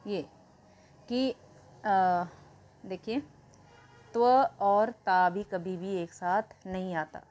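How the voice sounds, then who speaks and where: A woman teaching a grammar lesson to students, repeating key words slowly, asking questions and answering them herself, and telling the children to write things down. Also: mid-range voice, darkish tone. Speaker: Hindi teacher.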